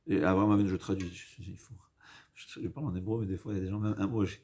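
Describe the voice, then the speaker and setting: A man with a fairly low voice gives an informal religious lecture in French with a foreign accent, as a non-native speaker. He moves haltingly, repeating phrases for emphasis and dropping in Hebrew quotations. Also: steady tone, dark tone. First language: not a native French speaker. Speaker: rabbi giving a religious lesson.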